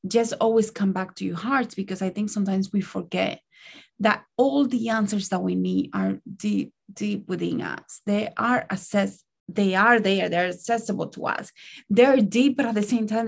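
A woman speaking earnestly about spiritual doubts in a reflective vlog, gently asking the viewer questions, her voice starting to give out. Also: medium pitch, creaky, slightly rough. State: losing her voice. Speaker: spiritual content creator.

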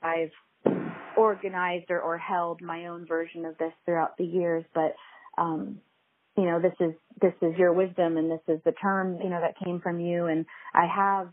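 A woman host talks through a tinny, phone-like low-quality recording, hesitant and rambling with frequent ums and restarts. Her voice sits somewhat low and sounds a little husky. The sound is dry, with no room around it. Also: level tone, moderate pace, no room sound. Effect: low-quality recording made over a phone. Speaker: podcast host. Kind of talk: conversational interview.

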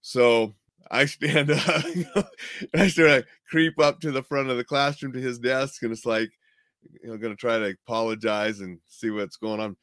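A middle-aged man casually telling a personal story, animated and chuckling now and then as he goes. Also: mid-range voice, moderate pace, dry recording, clean studio sound.

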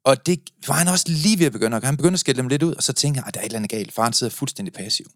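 A man's voice: mid-range voice, no echo, studio quality. A man hosting a podcast, talking reflectively and encouragingly in a casual conversation. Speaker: podcast host.

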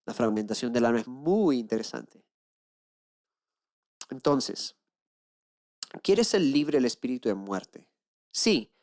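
Here an inner-healing coach delivers an energetic sermon, playing the characters he quotes and asking rhetorical questions. He hammers points home by slowing and dropping his voice to a low hush.

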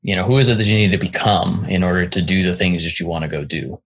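Husky low-voiced man hosting an interview. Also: fairly even intonation, fast talker. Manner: rambling, many restarts and "right?" tags. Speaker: podcast host. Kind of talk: conversational interview.

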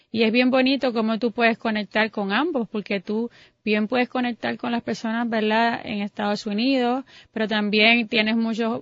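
Woman interviewer, higher voice. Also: a bit bright, no echo, dull audio. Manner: long flowing sentences, encouraging. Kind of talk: interview questions and commentary.

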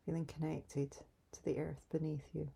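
A woman leading a calm guided grounding exercise in a soft, soothing, unhurried way, pausing between instructions. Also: deep voice, vocal fry, husky. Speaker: meditation guide.

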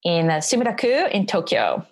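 A woman's voice: lowish voice, big pitch swings, normal speed, slightly rough. A woman, a chatty interview guest who talks with frequent ums. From north of England. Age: 40s. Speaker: guest, business owner. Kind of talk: casual interview chat.

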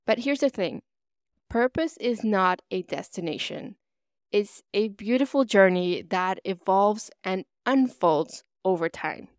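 Recorded in a clean studio with no echo, a woman delivers a solo podcast monologue, upbeat, motivational and chatty. Her medium-pitched voice is smooth, though a cold makes it stuffy and slightly nasal.

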